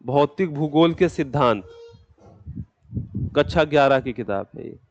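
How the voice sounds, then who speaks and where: A man's voice: a little high, animated, measured pace, dry recording, highs cut off. A man teaching a geography class, speaking patiently and in a fatherly way to students who have just joined. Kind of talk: classroom lecture.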